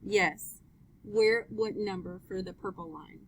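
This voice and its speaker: A woman's voice: mid-range voice, little pitch movement, slow, slight background noise, poor audio. A woman teaching a math class, upbeat, asking students question after question as she works through graphs. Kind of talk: live classroom lesson.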